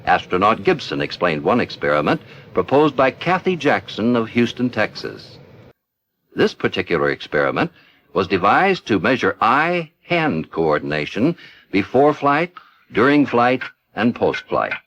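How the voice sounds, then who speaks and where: A man reading scripted 1970s documentary narration in a measured, formal manner. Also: fairly low pitch, huge pitch swings, fairly bright tone. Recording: dull old film soundtrack, faint noise.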